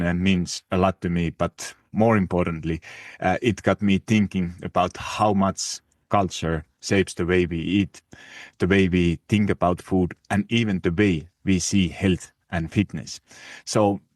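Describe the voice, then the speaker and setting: A man's voice: low-pitched, fairly even intonation, a little slow, no echo, clean studio sound. A Finnish-accented man hosting his fitness podcast in casual, hesitant talk full of fillers and restarts. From Finland. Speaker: podcast host. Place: living in Italy.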